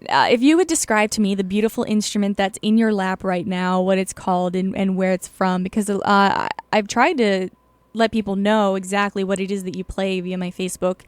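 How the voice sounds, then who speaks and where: A woman's voice: medium pitch, steady tone, a little fast. A woman hosting a radio show from the studio, chatty and playful as she interviews a guest. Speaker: radio host.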